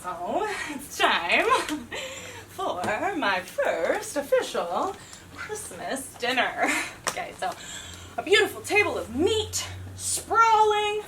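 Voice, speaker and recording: Young woman, stand-up comedian, sarcastic and profane, very expressive pitch, heard from afar over noisy room. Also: takes it slowly. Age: young adult. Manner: profane, sarcastic, animated delivery. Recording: distant mic with loud room noise.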